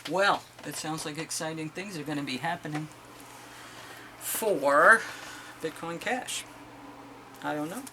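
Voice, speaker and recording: A woman's voice: low voice, unhurried, pauses often, sharp tone, a little hiss or hum. A middle-aged woman doing a casual tarot reading, chatty and exclamatory as she reads card meanings aloud. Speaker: tarot reader.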